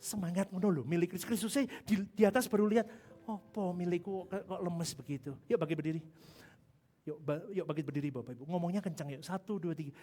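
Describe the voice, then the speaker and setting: A male pastor preaching a sermon. He swings from hushed asides to shouting and calls the congregation to answer back. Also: sits high, fast talker. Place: large church hall. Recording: long hall reverb with music behind.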